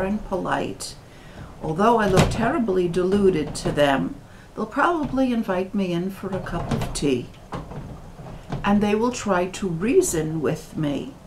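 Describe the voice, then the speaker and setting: An American woman talking to camera in a slow, deliberate monologue, full of pauses and fillers. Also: fairly low pitch, a little hiss or hum, poor audio. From United States. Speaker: video commentator.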